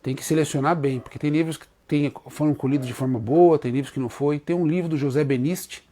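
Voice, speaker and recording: A man with a Brazilian Portuguese accent teaching about Umbanda deities on a live stream, devotional and tender, addressing viewers warmly as his children. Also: fairly high pitch, steady tone, quick pace. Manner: devotional, sings chant verses in a rising voice; speaks softly and tenderly to viewers, calling them daughter. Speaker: Umbanda spiritual leader hosting a live stream. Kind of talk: religious teaching with sung chants.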